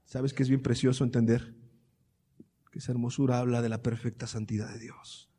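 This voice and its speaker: A man preaching a sermon, moving between quiet, hushed teaching and loud, impassioned passages full of repeated rhetorical questions. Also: mid-range voice, flat delivery, a little fast, husky, long reverb tail. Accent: Colombian Spanish.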